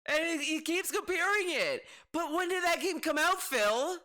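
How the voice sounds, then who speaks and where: A man's voice: very high voice, expressive, moderate pace, pushed and bright. A man giving casual reaction commentary, ranting with exasperation, swearing and mockingly quoting the person he criticises. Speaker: commentator reacting to another streamer.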